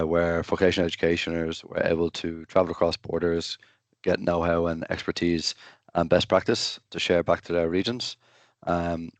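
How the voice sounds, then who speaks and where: A man's voice: deep voice, no room sound. A man hosting an online webinar, giving an informal, matter-of-fact introduction in hesitant, broken-up phrases. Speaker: webinar host. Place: online video call.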